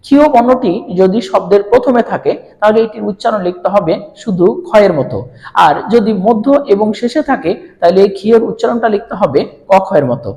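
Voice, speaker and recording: A teacher giving an online pronunciation lesson, asking questions and answering them himself, and slowly repeating example words. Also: mid-range voice, expressive, darkish tone, in a large hall, low-quality recording.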